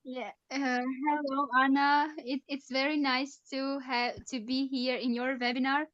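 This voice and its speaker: A woman teacher speaking over a bad connection on a video call, her audio cutting out as she tells a halting classroom story full of pauses and restarts. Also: sits high, flat delivery, fairly bright tone, no echo. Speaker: teacher attending a webinar. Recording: muffled, dull audio over a choppy call line.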